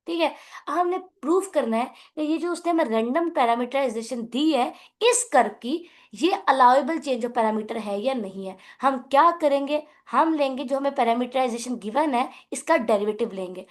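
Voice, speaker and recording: Young woman teacher, high voice, explains step by step and keeps asking if you got it. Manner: explanatory, often checks if students follow; mixes English terms into Hindi. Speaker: math teacher. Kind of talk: classroom lecture.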